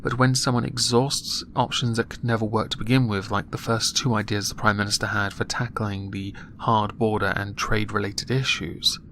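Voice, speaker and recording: A man giving a political opinion monologue in a flat, monotone voice while clearly annoyed. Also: fairly low pitch, moderate pace, hardly any pauses, a little hiss or hum. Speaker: political commentator.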